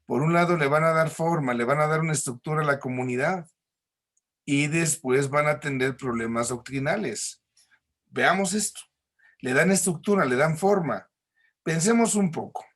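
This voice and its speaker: A man's voice: on the high side, normal speed, fairly bright tone. A man with a Mexican accent teaching a recorded church class, explaining patiently with homely examples and frequent tag questions.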